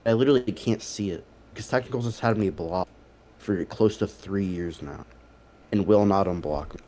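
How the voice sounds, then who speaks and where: A man's voice: low-pitched, normal speed, dark tone. A man co-hosting a stream, chatting casually and hesitantly, with lots of fillers and restarts. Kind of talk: casual chat.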